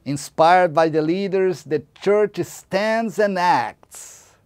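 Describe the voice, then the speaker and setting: A man giving a slow, measured scripted narration. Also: sits high, a little mellow, smooth, soft background music.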